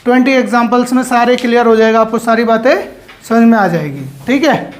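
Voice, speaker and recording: A woman teacher, giving a grammar lesson to children in a classroom. She asks questions and answers them herself, stretching out key words. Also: on the high side. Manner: drawn out, slow words for emphasis.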